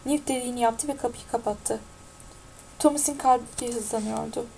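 A woman narrating an audiobook in a steady, even-toned reading. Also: fairly high pitch, normal speed, creaky, breathy edge, rough recording.

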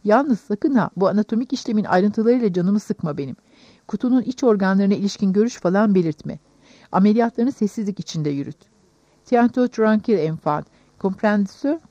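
A sarcastic, brusque gentleman, read by a woman. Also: animated, brisk, no echo, highs cut off, lightly acted. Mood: mocking. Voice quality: deep, mocking voice. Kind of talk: audiobook character reading.

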